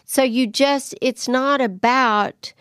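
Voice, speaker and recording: A woman's voice: sits high, takes it slowly, a bit bright, clean tone, no echo, clean studio sound. A woman co-hosting a self-care podcast, reading topics aloud and chatting in a rambling way with asides. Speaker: podcast co-host. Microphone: studio microphone.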